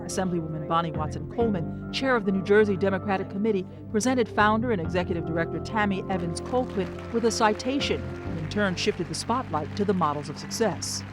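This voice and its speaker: A woman reporter reads a polished news-feature voice-over in a mid-range voice, with an even, measured delivery. Music plays clearly underneath her narration. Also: mid-range voice.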